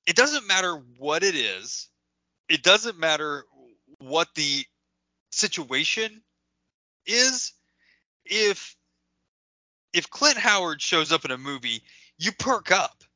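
A man's voice: on the high side, sing-song, slow, long pauses, sharp tone, no room sound. A man co-hosting a podcast, chatting eagerly about a movie with stammered restarts and lots of "like.". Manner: enthusiastic, stammering restarts, says "like" a lot. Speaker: podcast co-host. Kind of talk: casual movie review chat. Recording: dry, dull lo-fi podcast audio.

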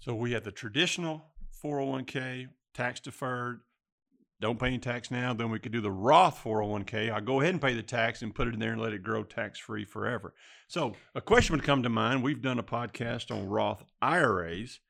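A man's voice: medium pitch, a little fast, gravelly, a bit bright. A man hosting a financial discussion, recapping and asking questions in plain words. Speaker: podcast host.

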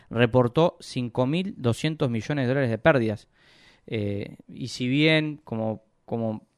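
A man explaining business news in a radio interview, measured and full of hesitations and restarts. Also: medium pitch, darkish tone, no echo, clean studio sound. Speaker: economic analyst guest.

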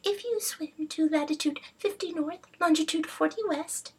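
A woman doing a squeaky, sly little fish. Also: normal speed, a little hiss or hum, close to an everyday voice. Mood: sly, polite. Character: small clever male fish, squeaky and polite. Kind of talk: storybook reading.

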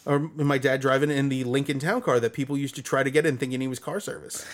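Brooklyn guy on a podcast, medium pitch voice, brooklyn accent, just casually telling stories. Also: quick pace. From Brooklyn, New York. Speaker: podcast guest. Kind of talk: casual conversational storytelling.

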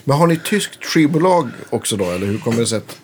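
A man's voice: mid-range voice, lively intonation, slight background noise. A man hosting a casual interview, asking rambling questions and dropping frequent short agreements. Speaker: podcast host.

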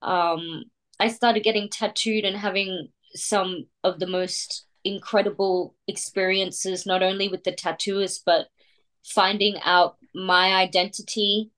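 Slow, thoughtful woman from India. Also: mid-range voice, fairly even intonation, fairly bright tone. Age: 30s. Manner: slow, reflective, pauses with fillers. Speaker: tattoo artist. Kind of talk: casual interview chat.

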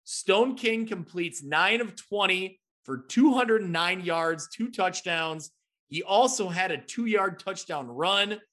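A bright, high-pitched man hosts a casual sports talk show. He talks in an upbeat way, recaps scores and stats, and pokes fun at himself. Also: animated, takes it slowly. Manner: upbeat, self-deprecating, recaps game stats.

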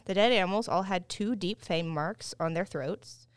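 Smooth-voiced woman podcaster. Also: fairly low pitch. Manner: rambling, halting with restarts. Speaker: podcast co-host and researcher. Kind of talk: casual podcast chat and reading aloud.

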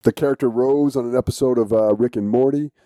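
A man hosting a podcast in casual chat, speaking a little haltingly. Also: medium pitch, fairly even intonation, dark tone, no room sound. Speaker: podcast host.

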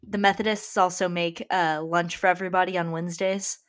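A woman's voice: fairly low pitch, fairly even intonation, fairly quick. A young woman chatting casually as a podcast co-host, wry and informal. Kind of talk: casual chat.

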